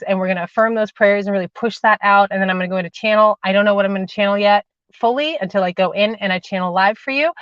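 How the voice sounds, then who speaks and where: Sitting in a parked car's cramped cabin, a spiritual channeler hosts a livestream on her phone, easily chatting, calling viewers darling and sweetheart, and guiding a meditation while recovering from a cold with a cough drop in her mouth. Her voice is mid-range, and the audio is dull, lo-fi, and very dry with no room echo.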